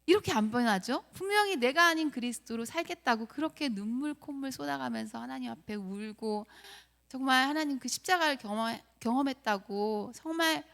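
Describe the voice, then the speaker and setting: A middle-aged woman delivers a sermon in an earnest, confessional tone. Her voice sits a little high and moves through a lively, animated range. She often turns to rhetorical questions as she speaks. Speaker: preacher.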